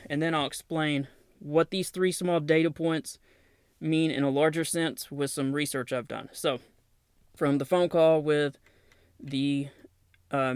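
Speaking in a clean tone on the higher side, this Southern-accented man hosts a podcast. He chats informally about defense news, reads press releases out loud and adds plain-spoken comments, all in studio quality with no echo.

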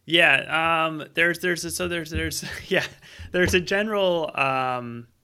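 A man's voice: fairly high pitch, slow, pushed and bright, clear, resonant tone. A man who is a researcher, a guest on a podcast, speaking casually with hesitant, stammering starts. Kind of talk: casual conversation.

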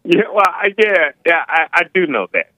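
A man calling in to a talk show, speaking casually and haltingly with slightly slurred words and slushy s sounds. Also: a little high, very animated, pushed and bright, no room sound. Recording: narrow tinny phone line.

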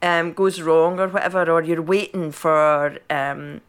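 A woman's voice: sits low, steady tone, measured pace, clean tone. A Scottish woman co-hosting a podcast in casual chat over a video call, chatty and reflective, laughing easily. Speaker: podcast co-host.

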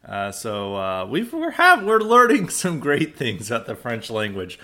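A man's voice: mid-range voice, huge pitch swings, unhurried, bright, forceful tone. An American man hosting a solo commentary podcast, talking loosely and conversationally, often exasperated and sarcastic. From United States. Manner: sarcastic, exasperated, with mocking quoted voices; loose, conversational, with frequent restarts. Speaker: podcast host.

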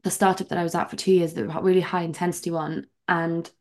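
A young woman from England talks as a podcast guest in a relaxed interview. She tells her story in an animated, chatty way, full of "like" fillers. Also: on the low side, fast talker. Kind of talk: casual interview chat.

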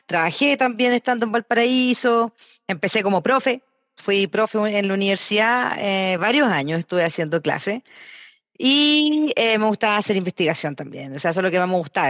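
A woman from southern Chile with a Chilean accent, chatting as a guest in an interview in a quick, lively way. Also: mid-range voice, no echo, dull audio. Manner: chatty, quick, frequent eh fillers. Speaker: engineering director guest. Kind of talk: casual interview chat.

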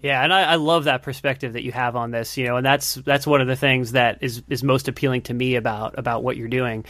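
Host: man with a bright, forward voice and searching, stop-start delivery, dry close recording. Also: mid-range voice, steady tone, no room sound. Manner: halting, searching phrasing with many restarts. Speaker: podcast host. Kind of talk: casual interview conversation.

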